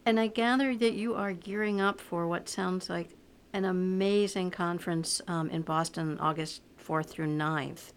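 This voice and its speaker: A woman interviewer with a lowish voice asks calm, curious questions of her guest. A faint hiss sits behind her voice. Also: measured pace.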